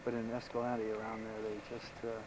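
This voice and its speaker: A man rambles easily about the land around him, his words tumbling out fast. He sounds like an old VHS home video made outdoors on a camcorder. A steady layer of tape hiss sits under his voice. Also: on the low side. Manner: easygoing, chatty, quick talker. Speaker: local guide showing a visitor around. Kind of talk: casual rambling storytelling. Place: outdoors on a rural property. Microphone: camcorder microphone.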